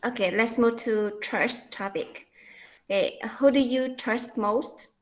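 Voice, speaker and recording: A woman acting as practice examiner, briskly reading out interview questions with short acknowledgements. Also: a little high, steady tone.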